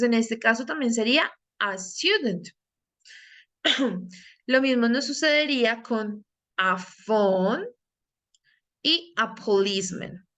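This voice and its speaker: A woman's voice: a little high, fairly bright tone. A young woman teaching an English grammar lesson, carefully repeating each word so learners catch its pronunciation.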